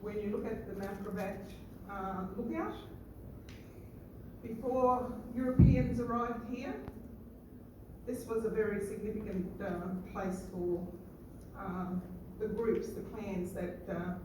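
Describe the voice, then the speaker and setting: An older woman speaks to an outdoor gathering as an elder, pausing with many fillers. Her voice comes through a public address system, heard from a distance, with heavy echo and clear background noise. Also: mid-range voice, steady tone. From Australia. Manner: unhurried, hesitant with many fillers. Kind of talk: public address at a community event. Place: outdoor gardens event.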